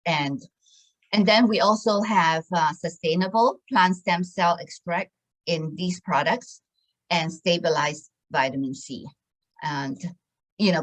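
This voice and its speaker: On a rough recording, a woman in her sixties with a fairly low voice gives an informal talk promoting a wellness program. Her speech is hesitant and cluttered with fillers and restarts.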